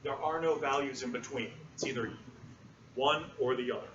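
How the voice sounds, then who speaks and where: A male university lecturer teaching a class in a relaxed, explanatory way, often pausing with fillers. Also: mid-range voice. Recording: roomy, muffled, distant classroom recording with noise.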